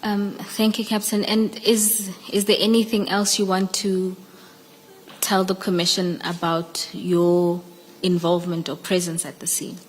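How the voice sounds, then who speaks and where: A woman's voice: lowish voice, little pitch movement, measured pace. A woman with a South African accent formally questioning a witness at a hearing. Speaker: evidence leader questioning a witness. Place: large indoor hearing room. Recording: echoey hearing room, background noise.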